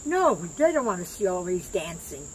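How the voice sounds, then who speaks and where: A woman's voice: lowish voice, very animated, normal speed, low-quality recording. An elderly woman, a grandmother, giving short, plain-spoken answers in a casual chat. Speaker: grandmother answering questions and comments. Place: outdoors on a deck and garden bench. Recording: outdoor recording with clear background insect noise.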